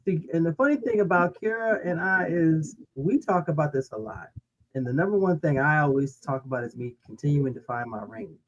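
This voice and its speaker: A man's voice: on the high side, animated, a little fast. A man co-hosting a casual talk show, joking around and slipping into comic voices. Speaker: podcast co-host. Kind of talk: casual chat. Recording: dull lo-fi mic with faint noise.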